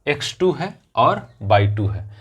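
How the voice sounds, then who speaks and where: A male math teacher in a classroom who talks slowly and patiently. His voice sits in an ordinary middle range. He repeats each step and keeps checking with his students that they follow. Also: medium pitch, big pitch swings, a bit bright, breathy edge, highs cut off. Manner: explains step by step, repeats phrases, often checks with "theek hai".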